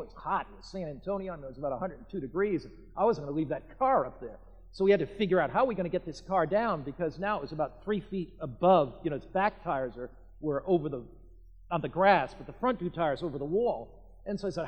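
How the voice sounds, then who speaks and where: A man's voice: on the high side, slightly rough, big-room sound. An older man preaching a sermon as pastor, telling a story in an emphatic, earnest way.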